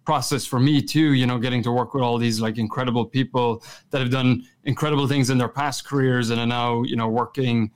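A man's voice: medium pitch, fairly even intonation, fairly quick, few pauses. A man with a west of Ireland Kerry accent, answering interview questions in an informal, conversational way. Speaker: podcast guest, chief marketing officer.

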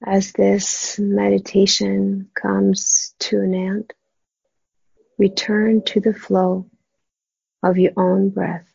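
A dry, slightly muffled recording of a woman leading a guided meditation. She speaks in a soft, hushed near-whisper that is breathy and husky, with a faint creak. Her delivery is gentle and unhurried, with long pauses. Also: medium pitch, monotone, no echo.

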